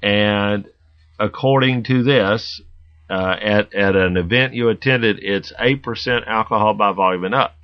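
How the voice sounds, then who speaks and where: A man hosting a casual podcast chat, easygoing and quick to laugh. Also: on the low side, lo-fi sound. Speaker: podcast host.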